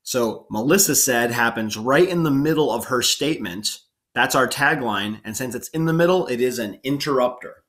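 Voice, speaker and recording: A man's voice: mid-range voice, lively intonation, moderate pace, a bit bright. A man teaching a writing lesson in a casual, chatty way, often saying "okay" and making small asides. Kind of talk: casual instructional explanation.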